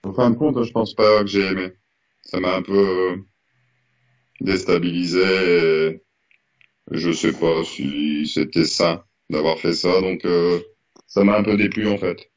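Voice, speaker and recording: A man being interviewed over a video call, answering reflectively with pauses. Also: low voice, steady tone. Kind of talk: casual interview.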